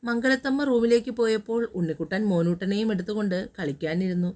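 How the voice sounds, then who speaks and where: Woman narrator, audio story reading, calm steady delivery, mid-range pitch. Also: fast.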